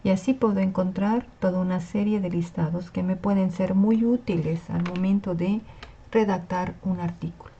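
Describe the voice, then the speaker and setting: A woman's voice: lowish voice, fairly even intonation, moderate pace, warm tone, slightly rough. A woman teacher, patiently explaining and checking in with her class. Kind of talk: online class lecture on Spanish spelling. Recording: slightly dull lo-fi recording.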